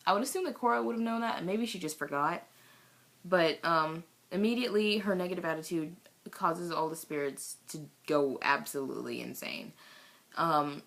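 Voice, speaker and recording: A young woman reviewing a cartoon episode from her bedroom in a rambling, gushing way, full of ums and sudden excited outbursts. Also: lowish voice. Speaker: video reviewer. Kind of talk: casual vlog review.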